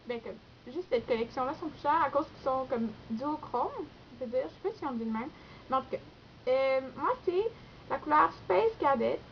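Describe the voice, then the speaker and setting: Young Québécois woman, high voice, chatty haul vlogger, muffled home recording. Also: lively intonation, normal speed, a little hiss or hum. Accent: Québécois French. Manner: chatty, rambling, many fillers and self-corrections. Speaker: beauty vlogger. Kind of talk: casual nail polish haul vlog.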